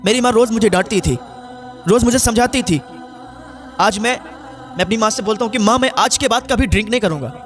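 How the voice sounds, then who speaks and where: A male preacher voicing a defiant young son who drinks, raising his pitch to complain and plead. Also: a little fast, long pauses, soft background music, lightly acted. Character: young adult son, drunk, defiant then desperate.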